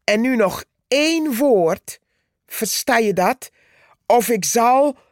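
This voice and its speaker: Brief: woman reading as a defiant little storybook ant, high and proud, gravelly, unhurried. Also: lively intonation, a little mellow, no room sound, studio quality, exaggerated voice. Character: small brave female red ant, cheeky.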